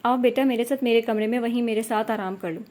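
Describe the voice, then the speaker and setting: Lady reading as a sweet older mom type, soft and doting, mellow voice, storybook. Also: on the high side, natural voice. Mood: tender. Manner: affectionate, soothing. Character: older motherly woman, tender and doting.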